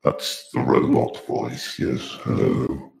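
A man talking through a vocal effects box set to a menacing robot voice, slow and mechanical. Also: darkish tone. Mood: flat.

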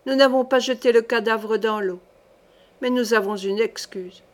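A woman's voice: fairly high pitch, moderate pace, lightly acted. A woman reading the part of a frightened male henchman who rambles through a dramatic, pleading account to a duke. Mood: fearful pleading.

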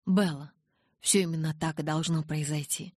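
A gentle, restrained young male vampire from an audiobook, read by a woman. He speaks softly and patiently, in a low, husky voice. The recording is close and dry. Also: steady tone, normal speed, no room sound. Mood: calm.

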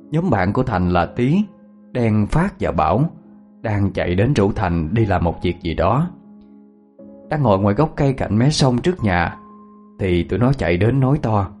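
A man, calmly narrating a scripted story. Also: lowish voice.

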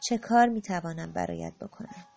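A woman voicing a small, eager, curious spirit in an audiobook, talking excitedly. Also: creaky, over music. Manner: eager, excited, raised and higher.

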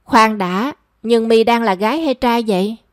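A woman voicing a brisk, matter-of-fact young female friend. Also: fairly high pitch, dry recording, studio quality, lightly acted.

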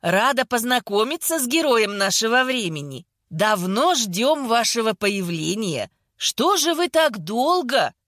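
A woman doing a hoarse, sarcastic older woman. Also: medium pitch, sing-song, measured pace, fairly bright tone, no room sound, studio quality. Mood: sugary, sly. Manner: sarcastic, teasing. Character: sharp-tongued older woman in hospital bed.

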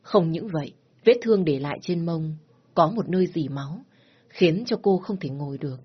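A woman tells a story in a grave, steady voice. Her tone sits low and husky. The recording sounds dull and lo-fi. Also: normal speed. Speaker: narrator. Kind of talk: storybook narration.

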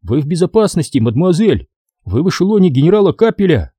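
A man's voice: fairly high pitch, very animated, fast, mellow, breathy edge, dry recording, pitched above the performer's own voice. A man voicing an earnest teenage volunteer soldier in an audiobook, eager and trying to sound grown-up. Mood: proud. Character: earnest teenage boy volunteer, brave and shy.

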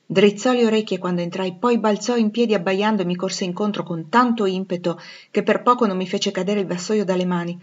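A woman narrating a classic novel aloud in a measured, expressive reading. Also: medium pitch. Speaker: audiobook reader. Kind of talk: literary audiobook narration. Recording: dull lo-fi recording.

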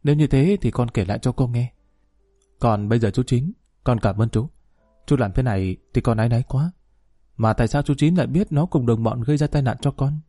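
A man voicing a calm, kind middle-aged female police chief in an audio story, speaking softly and reassuringly. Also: medium pitch, a little fast, no echo, clean studio sound, soft background music, lightly acted. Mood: gentle. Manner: soft-spoken, reassuring.

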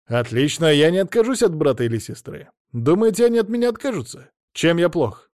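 A man's voice: a little high, sing-song, fairly quick, a little mellow, no room sound, studio quality, pitched above the performer's own voice. A male reader voicing a brash, cocky young man who talks back defiantly. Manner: defiant, mocking, insistent.

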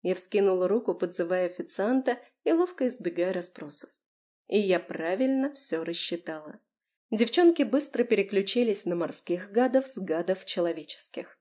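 A woman narrating a first-person novel in an expressive, lively way. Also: mid-range voice, moderate pace. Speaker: audiobook narrator.

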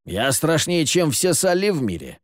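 A man voicing a sick, sardonic grown man who hides in the dark and curses with Spanish words. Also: a little high, sing-song, moderate pace, dry recording, studio quality, voice pushed up. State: ill, coughing.

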